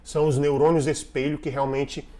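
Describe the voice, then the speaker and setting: A man's voice: a little high, level tone, moderate pace, dark tone. A man delivers a casual online lesson on leading a team. He speaks conversationally, circling back and restarting phrases as he goes. He often turns to the listener with questions. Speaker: coach.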